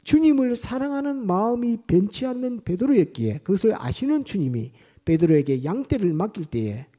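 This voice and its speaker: A man's voice: high voice, sing-song, fairly quick, mellow. A man preaching a sermon in church as pastor, retelling scripture scenes vivdly and repeating his points with emphasis.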